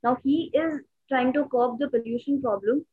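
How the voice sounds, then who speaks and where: A woman's voice: high voice, normal speed, breathy edge. A woman with an Indian accent explaining things casually, mixing English and Hindi and often checking that the listener follows. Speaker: guest commentator on investing. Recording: tinny, phone-like narrow line.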